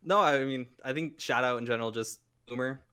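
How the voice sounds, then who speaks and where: A man leaving a streamed game show gives relaxed, friendly shout-outs and a little teasing. His voice is mid-pitched and easygoing. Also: fairly quick, clean tone. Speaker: departing contestant. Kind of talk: casual chat.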